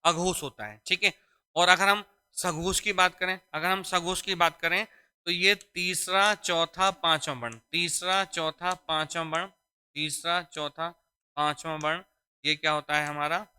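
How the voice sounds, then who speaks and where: A man's voice: fairly high pitch, fairly even intonation, a little slow, pushed and bright, clear, resonant tone. A man teaching a Hindi grammar lesson for exam preparation, repeating key phrases and quizzing his students. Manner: addresses students as "beta". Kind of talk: exam-prep classroom lesson.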